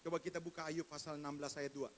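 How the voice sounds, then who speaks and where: A man's voice: a little high, little pitch movement, rapid-fire, a little hiss or hum. A male pastor giving a sermon in a conversational way, speaking straight to the congregation. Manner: conversational preaching, addresses congregation directly.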